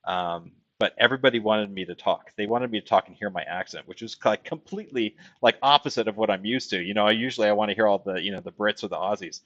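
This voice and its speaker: Man from Texas, low voice, casual livestream host, rambling with fillers, slightly muffled mic. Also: quick pace, few pauses, fairly bright tone. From Texas, USA. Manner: rambling, many fillers, reads viewer comments aloud.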